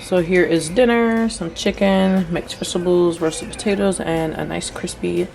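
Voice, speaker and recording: A woman's voice: fairly low pitch, fairly even intonation, moderate pace, creaky, background noise. A tired young woman vlogging about her weekend as a single mom, chatty and rambling with small self-deprecating laughs. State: tired, yawning. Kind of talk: casual vlog narration. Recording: music playing underneath.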